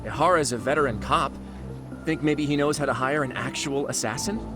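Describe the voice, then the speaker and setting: A man's mid-range, natural voice, a little fast, carries this video game cutscene, where an actor's character explains case details to his detective partner. Background music plays throughout.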